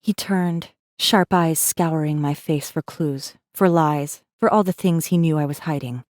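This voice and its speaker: A low-pitched woman's voice, a little slow and a little mellow, recorded cleanly in the studio without room sound. She takes the role of a guarded, wry rebel messenger narrating her own story in first person for a space fantasy audiobook, in an intimate, wary, sardonic manner with a brooding mood.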